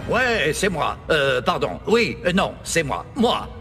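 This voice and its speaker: A man's voice: on the high side, very animated, slow, big-room sound, over music, exaggerated voice. A man voicing a weary, stiff middle-aged school principal, hesitant and resigned, in a cartoon game dub. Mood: sheepish, resigned. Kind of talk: dubbed cartoon game dialogue.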